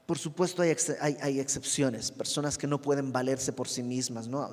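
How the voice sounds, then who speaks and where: A man with a Mexican Spanish accent leads a verse-by-verse Bible study, talking with his listeners rather than preaching at them. His voice sits a little high and he keeps turning to the room with questions. A long reverb trails after his words. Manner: conversational, asks the listener questions. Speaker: Bible teacher.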